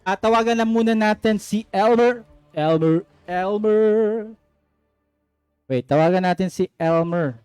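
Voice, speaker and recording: Soft music plays in the background as a man hosts a live online singing competition with phone calls, judging contestants with friendly coaching, checking "okay?" often and slipping into English phrases. He has a high voice that is a little mellow and a touch slow.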